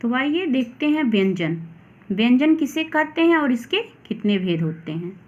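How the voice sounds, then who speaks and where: A woman teacher with a Hindi accent, slowly and deliberately explaining grammar to children. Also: a little high, big pitch swings, lo-fi sound. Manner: slow, deliberate, addresses children. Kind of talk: grammar lesson read aloud.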